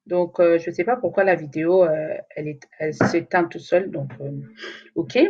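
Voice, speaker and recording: A woman whose first language is Lingala chats casually to viewers during a live video, rambling with plenty of fillers and restarts. Her lowish voice is a little mellow and slightly rough, at a moderate pace, and the audio sounds dull.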